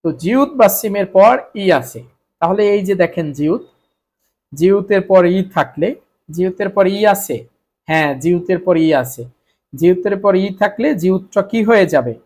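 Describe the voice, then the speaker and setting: A man's voice: sits high, expressive, moderate pace, a little mellow. Man teaching, asks then answers himself. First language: Bengali. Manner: repetitive, asks and answers own questions. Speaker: Korean language teacher. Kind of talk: explaining grammar rules to students.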